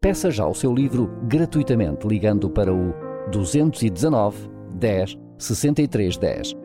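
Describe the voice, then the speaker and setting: A man's voice: on the low side, sing-song, moderate pace. A man reading a scripted radio advert. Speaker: advert announcer. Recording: loud guitar music bed. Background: plucked guitar music.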